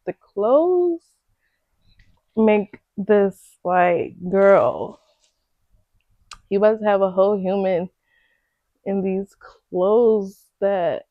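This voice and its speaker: Young expecting woman, excitable slangy vlogger, slow dry delivery. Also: medium pitch, dry recording, muffled recording. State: pregnant. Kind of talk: casual unboxing chat.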